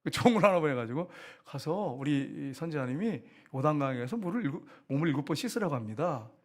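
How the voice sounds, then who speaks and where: A male pastor preaching a sermon in church, telling the story with lively drama and asking the congregation questions. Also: on the high side, quick pace.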